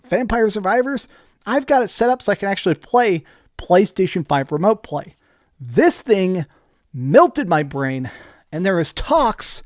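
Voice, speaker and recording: A man with a slightly scratchy, hoarse voice giving casual, off-the-cuff gaming commentary in an emphatic, informal way. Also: fairly high pitch, darkish tone, no echo, clean studio sound. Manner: emphatic, informal, mildly profane. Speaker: gaming video host.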